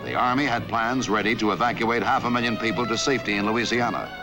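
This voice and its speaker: A man narrating a scripted historical newsreel documentary in a measured, authoritative way. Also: lowish voice. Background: background music.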